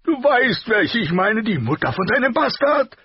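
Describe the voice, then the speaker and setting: A boisterous middle-aged king, bawdy and boastful, as a male narrator puts him on. His voice jumps high and booms with hearty force. The audiobook recording is dry and a little dull. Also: sing-song, moderate pace, slightly rough, dry recording, full character voice. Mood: teasing. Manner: loud, hearty, laughing, boastful.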